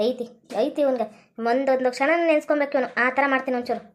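A woman's voice: high voice, steady tone, quick pace. A woman, acting out a scolding village comedy sketch. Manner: scolding, quarrelsome village banter.

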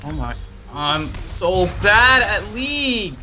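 Lively-voiced guy calling out game plays. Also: sits high, slow. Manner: chatty, teasing, game callouts. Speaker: gaming friend. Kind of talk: casual voice chat while gaming. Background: loud game music.

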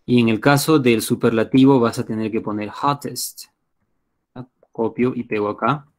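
A man's voice: mid-range voice, fairly even intonation, normal speed. Man, Peruvian Spanish accent, patient teacher, explains and checks in, computer mic. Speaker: English teacher. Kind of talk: live online class.

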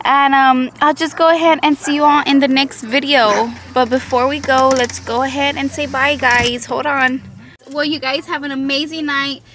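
A woman's voice: sits high, fairly even intonation, moderate pace. A young adult woman chatting casually to camera as a family vlogger, recorded on a phone held at arm's length. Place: home living room, later inside a car at night.

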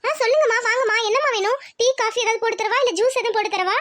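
Woman doing a meek cartoon young wife, very high squeaky voice, pleading. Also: very fast, a bit bright. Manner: pleading, anxious.

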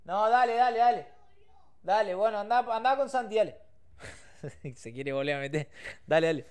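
A man with an Argentine accent hosting a casual livestream from his bedroom, telling stories with lively shouted sound effects. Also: high-pitched, normal speed, clean tone. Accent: Argentine Spanish. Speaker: streamer host. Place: home bedroom.

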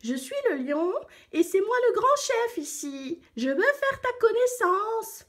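A woman's voice: extremely high pitch, sing-song, a little slow, voice pushed up, exaggerated voice. A woman voicing a boastful vulture writing a grand letter in a storybook.

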